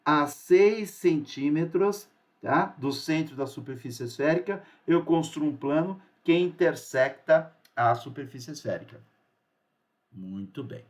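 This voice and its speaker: A man's voice: on the high side, lively intonation, measured pace. A man teaching a math lesson, patient and often checking that the students are following.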